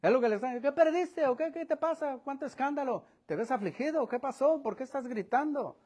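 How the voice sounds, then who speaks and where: A sarcastic, scornful raider taunts with fake innocence, as a preacher puts him on. The voice rides high and quiet, teasing. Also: male voice, lively intonation, racing. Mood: mocking. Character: mocking band of men, sarcastic and scornful.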